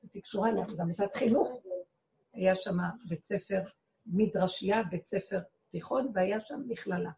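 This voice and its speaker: A woman with a mellow mid-range voice, its highs cut off, speaks as a rebbetzin giving a talk. She tells an audience her personal testimony dramatically, acting out her own cries and quotes.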